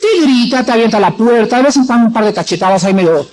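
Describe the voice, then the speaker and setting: Predicador mexicano dramático. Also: male voice, extremely high pitch, animated, fast, low-quality recording. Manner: dramatic, acts out quoted voices, shifts between loud and soft. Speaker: preacher. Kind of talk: sermon. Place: church.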